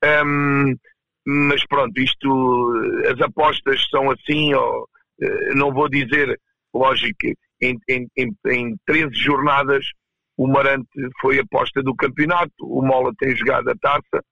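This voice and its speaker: A man with a European Portuguese accent gives casual, halting interview answers, often repeating words. His voice is creaky and forceful, on a dry but dull lo-fi recording. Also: medium pitch, flat delivery, dry recording. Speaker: roller hockey coach, interview guest.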